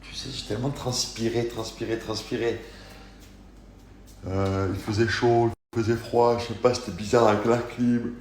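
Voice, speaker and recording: A sore, tired man chatting casually in a slangy, animated vlog, telling stories with many restarts. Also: on the low side, moderate pace, a little hiss or hum. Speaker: vlogger. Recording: echoey room.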